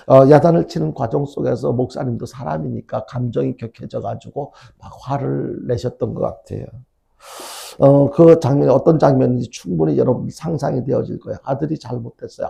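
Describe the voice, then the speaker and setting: Middle-aged male pastor, gravelly dark voice, preaches through a story, acting out its dialogue. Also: medium pitch. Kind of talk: sermon. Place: church sanctuary.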